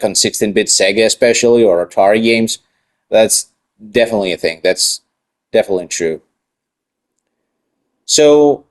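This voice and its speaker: Guy in his 30s rambling slowly on his vlog, lots of restarts. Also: on the low side. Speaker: channel host. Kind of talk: casual vlog chat.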